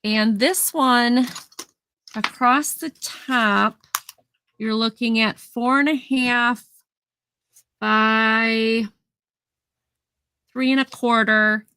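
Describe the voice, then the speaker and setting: A woman's voice: fairly high pitch, steady tone, drawn-out words, long pauses, sharp tone, slight background noise. A woman hosting a casual live vintage sale, chatting as she describes each item in detail and counts down the sales. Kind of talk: casual live-stream selling.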